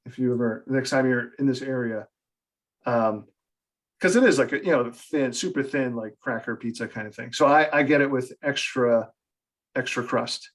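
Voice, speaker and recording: A man's voice: mid-range voice, moderate pace. American guy on a podcast, chatty, pokes fun at himself, laughs a lot, medium voice. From United States. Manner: chatty, self-deprecating, laughs often. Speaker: podcast guest, author. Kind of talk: casual interview chat.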